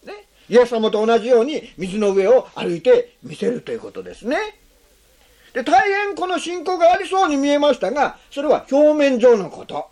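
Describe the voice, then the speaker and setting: A pastor with a high-sitting, darkish, very animated voice preaches a sermon, posing questions to the congregation and dropping frequent tag words between phrases. He slows down on key phrases and picks up speed when explaining.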